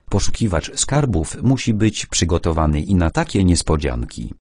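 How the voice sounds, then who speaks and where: A man narrating an adventure novel as an audiobook in first person, calm and measured. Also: low voice, husky, no echo, clean studio sound.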